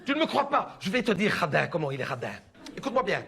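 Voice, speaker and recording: A man on stage plays a talkative Belgian French mother in middle age, unloading complaints and dropping "hein" and "écoute bien" along the way. His exaggerated character voice is high, bright and gravelly, swinging widely in pitch at a fast clip, confiding like a neighbour over the fence.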